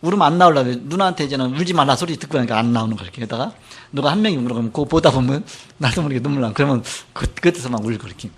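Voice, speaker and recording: A middle-aged male pastor preaching a sermon, telling a personal story and moving between loud emphasis and quiet asides. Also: mid-range voice, expressive, very fast, slightly rough.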